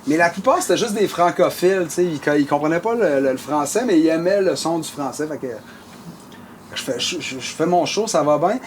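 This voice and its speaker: A man with a Québécois French accent tells a story in relaxed conversation. His voice sits high, and he rambles with plenty of fillers and restarts. A faint ambient hum runs underneath. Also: brisk. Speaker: musician telling a story. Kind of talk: casual storytelling chat.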